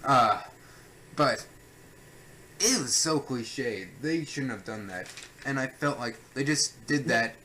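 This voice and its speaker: Bright-voiced young man ranting sarcastically. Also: mid-range voice, lively intonation, takes it slowly, long pauses, slight background noise, low-quality recording. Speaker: reviewer co-host. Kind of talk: casual review chat.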